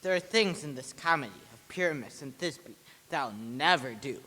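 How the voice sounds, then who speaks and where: A man's voice: fairly high pitch, expressive, moderate pace, pushed and bright. A man playing a boastful amateur actor who declaims in a comic voice. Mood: bossy. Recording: echoey hall.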